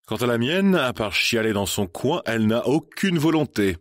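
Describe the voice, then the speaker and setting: A man's voice: mid-range voice, expressive, normal speed, no echo, studio quality, voice pushed up, natural voice. A man voicing a contemptuous father who belittles his family in an audiobook. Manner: dismissive, cold.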